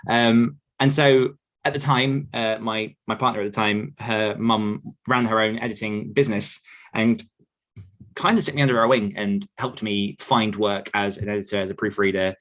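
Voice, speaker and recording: Guesting on a podcast, this thirties-aged British author and writing coach rambles chattily through the story of his career. He speaks at normal speed in a lowish, steady, slightly bright voice.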